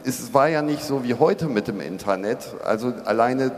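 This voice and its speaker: A man's voice: mid-range voice, lively intonation, moderate pace. A middle-aged man reminiscing informally as a speaker on a stage panel. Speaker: panel speaker, event organiser. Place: large reverberant hall, on stage. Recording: echoey hall, live stage PA.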